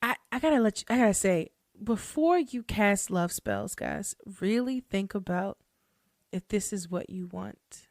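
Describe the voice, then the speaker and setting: This podcast host and hoodoo practitioner has an animated, mid-range voice with a darkish tone and a measured pace. Alone at the mic, she chats casually, laughing frequently and stumbling through plenty of fillers and restarts. The audio is studio quality, free of any room sound.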